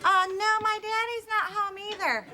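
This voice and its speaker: A woman's voice: fairly even intonation, normal speed, crowd noise, noisy background. A woman voicing a little girl who answers the phone and fibs sweetly, in a sitcom. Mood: innocent. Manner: sweet childish high voice.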